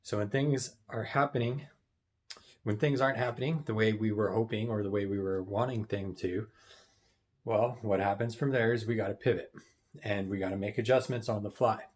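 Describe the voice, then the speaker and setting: A man with a fairly low voice shares casual motivational advice as a business financing coach. He speaks to camera in a conversational way, keeps checking in with "right?", and clears his throat now and then. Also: steady tone, moderate pace. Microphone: wearing headphones.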